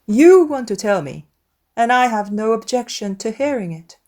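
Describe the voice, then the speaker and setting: A woman voicing a wry, sarcastic middle-aged husband in a dramatised novel, unhurried and teasing. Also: on the high side, lively intonation, a little mellow, close to an everyday voice. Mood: resigned. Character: dry, sarcastic middle-aged gentleman, long-suffering husband.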